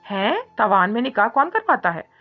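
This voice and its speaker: A woman voicing an excitable young woman friend who asks eager, curious questions. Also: medium pitch, normal speed, voice pushed up. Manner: eager, inquisitive. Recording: muffled recording with soft music.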